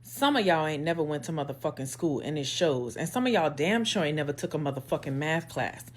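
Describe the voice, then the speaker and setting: A woman's voice: sits low, lively intonation, fairly quick. A woman on an angry, profane rant, lecturing sarcastically. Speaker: social media poster.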